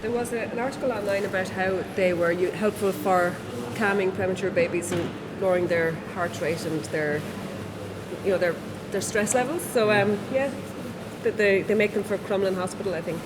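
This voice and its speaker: Woman explaining casually, clear background noise. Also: medium pitch, moderate pace.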